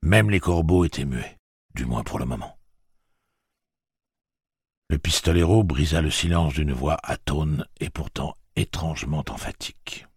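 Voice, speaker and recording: A male audiobook narrator reading a novel in a measured, even way. His voice sits extremely low and is very husky. The sound is dry and close. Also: dry recording. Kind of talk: scripted narration.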